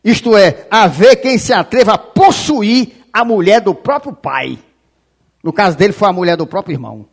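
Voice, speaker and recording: A man preaches a fiery sermon in a very high voice. He shouts and scolds his listeners, and his pitch swings wildly from phrase to phrase. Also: expressive, normal speed, gravelly. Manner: shouting, scolding, repeating "rapaz"; quotes scripture aloud. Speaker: pastor.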